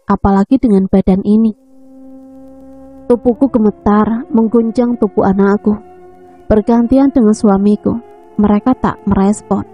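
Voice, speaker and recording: Higher mellow woman reading a dramatic story. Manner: emotive, tearful storytelling delivery. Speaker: horror story narrator. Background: faint background music.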